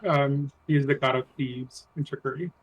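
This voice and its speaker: Hesitant male tabletop player, medium pitch. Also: flat delivery, normal speed, muffled recording, slight background noise. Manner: hesitant, questioning. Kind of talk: casual game chat.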